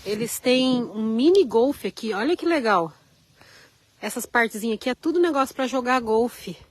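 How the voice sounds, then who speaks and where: A chatty woman from Rio with a Carioca accent, vlogging live outside in the cold on her phone. Her voice sits a little high, and she greets viewers by name as she wanders around. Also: animated, normal speed, rough recording. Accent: Carioca Brazilian Portuguese. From Rio de Janeiro, Brazil. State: cold, chilled hands. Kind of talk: live-stream chat outdoors, reading viewer comments. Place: outdoors at a snowy RV park.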